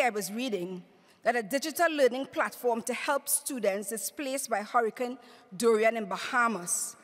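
A woman's voice: a little high, a bit bright. A middle-aged woman delivering a prepared, rousing speech at a podium microphone in a conference hall. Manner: rhetorical, rousing, paced with emphatic lists. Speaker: award speaker. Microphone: podium mic on stand.

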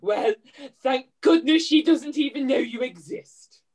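Widow Twankey, a woman playing a high-voiced pantomime dame. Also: a little slow, darkish tone. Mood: nagging, incredulous. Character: brash, long-suffering widowed mother, pantomime dame. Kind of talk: amateur pantomime read-through. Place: room, on a video call.

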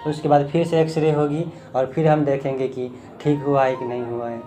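A man's voice: mid-range voice, little pitch movement, moderate pace, dark tone, soft background music. A young man vlogging heartfelt about his family, speaking plainly as a father. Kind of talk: emotional family vlog talk.

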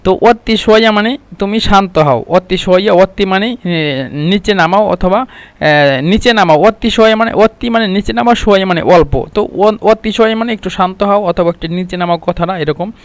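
A man's voice: high voice, a little fast, no echo. A man teaching Arabic phrases, saying each one several times and then translating it. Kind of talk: explaining Arabic phrases in Bengali.

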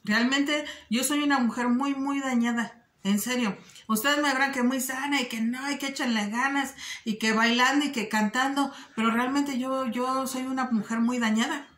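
A woman with a slightly high voice speaks earnestly to her viewers in a casual vlog. She talks directly to the audience and often stops on little fillers as she thinks. The room is noticeably roomy and echoey around her. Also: steady tone, normal speed, a bit bright. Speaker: vlogger giving advice. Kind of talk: casual direct-to-camera talk.

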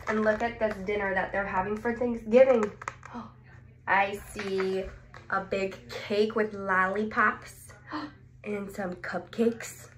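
Her pitch fairly high, a woman in her twenties working as a speech therapist reads a picture book aloud with lots of expression and exclamation, asking questions and pausing before answering. The recording, made in a small indoor clinic room, has a roomy echo and clear background noise.

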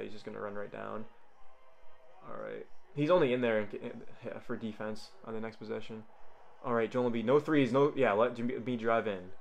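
A man giving casual live play-by-play of a game to his viewers, rambling and excitable, jumping to loud shouts when big plays happen. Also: mid-range voice, gravelly. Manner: rambling, talks straight to viewers. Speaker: YouTuber reacting to a live game.

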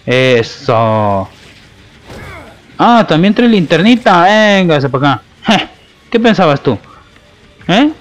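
A man's voice: fairly high pitch, very animated, slow pace, pauses often, soft background music. A man with a Mexican accent commentating his own gameplay live, taunting his opponents with playful trash talk.

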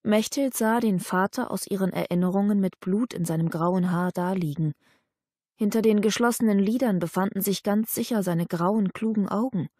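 Female audiobook narrator, steady storytelling, mid pitch, dry close mic. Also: moderate pace, no echo.

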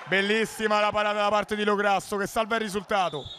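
A male futsal commentator with a high voice delivers excited, clipped play-by-play. His calls jump up for shots and goals. Clear indoor gym noise and ball bounces sit behind him. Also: fast. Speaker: sports commentator. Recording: noisy indoor sports hall ambience.

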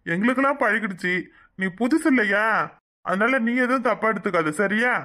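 A high-voiced performer playing a stern middle-aged man who firmly lectures his family in a TV-serial-style dub. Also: moderate pace, bright, forceful tone, lightly acted. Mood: calming. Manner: firm, lecturing. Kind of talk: Tamil TV-serial dialogue dubbing.

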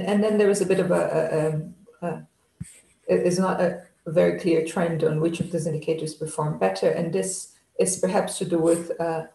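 A keynote speaker giving a technical lecture over slides on a video call, talking in a halting way with many restarts and fillers. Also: medium pitch, gravelly, mellow, echoey room, low-quality recording. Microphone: video call webcam.

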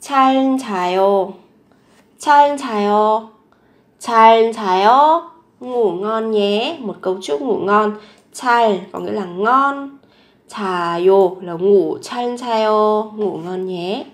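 A woman teaching a language lesson. She says each phrase several times, slowly and clearly, and then explains it. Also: mid-range voice, reverberant.

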